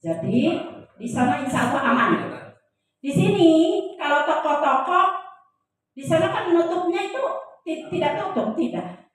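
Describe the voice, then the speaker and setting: A woman's voice: high-pitched, lively intonation, moderate pace, long pauses. A woman lecturer teaching a class in a joking way, quizzing her audience with questions. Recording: very echoey room, voice heard from a distance.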